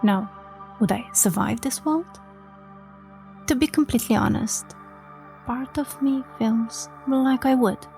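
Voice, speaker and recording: A woman from Romania hosting a book-talk podcast, speaking softly and sometimes dropping to a whisper. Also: a little high, slow pace, creaky, long pauses, soft background music. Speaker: podcast host.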